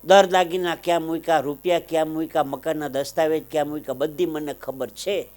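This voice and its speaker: A man with a Kathiawadi Gujarati accent telling emotional folk anecdotes on stage, swelling loud on some lines and dropping low on others. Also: fairly even intonation, a little fast. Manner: dramatic swells, loud declaiming then softer asides. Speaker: folk storyteller and comedian.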